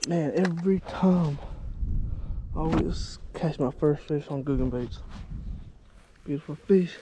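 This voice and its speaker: A slow-talking man with a slightly high voice, vlogging a fishing trip outdoors and chatting excitedly to viewers. He is recorded on an action camera, with clear wind noise behind him. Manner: excited, talks to viewers as "you guys". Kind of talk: casual outdoor vlog narration. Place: outdoors by a lake on a windy day.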